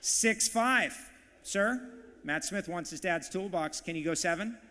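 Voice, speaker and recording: Guy auctioneer, bright sharp voice, shouting bids fast into a mic, big hall echo. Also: high voice. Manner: rapid, punchy bid calling, loud and hyped. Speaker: auctioneer and emcee. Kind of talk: live charity auction calling. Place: large banquet hall, live audience.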